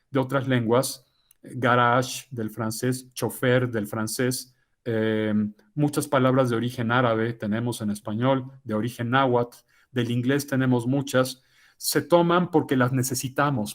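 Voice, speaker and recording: A man giving a lecture to teachers, explaining points in a measured way and often tagging sentences with "¿no?". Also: medium pitch. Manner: measured and explanatory, with frequent "¿no?" tags. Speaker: guest lecturer speaking to teachers. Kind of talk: lecture answering a question.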